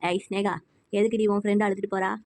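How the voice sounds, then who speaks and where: A woman playing a caring mother who gently scolds her daughter in a church kids' skit. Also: medium pitch, little pitch movement, fast talker, music in the background, lightly acted. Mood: reproachful. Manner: gentle, reproachful.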